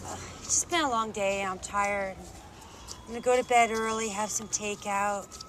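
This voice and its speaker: A woman's voice: medium pitch, fairly even intonation, normal speed, a bit bright, a little hiss or hum, close to an everyday voice. A woman acting a guarded, driven police detective. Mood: flustered, tired. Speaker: actor in a thriller film. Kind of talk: film dialogue. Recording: music behind the dialogue.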